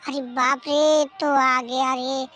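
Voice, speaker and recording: Picture a frightened little boy in a homemade ghost skit, hushed and small as he tries to creep home, as a man puts him on. The voice sits much higher and softer than the performer's own, with a thin timbre. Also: little pitch movement, slow, faint music behind, heavily acted. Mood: fearful. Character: frightened young boy, the king's son.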